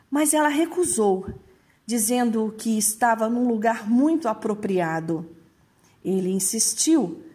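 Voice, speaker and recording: A woman narrating a story in a measured, expressive way, now and then turning to the listener with a casual aside. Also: medium pitch, husky.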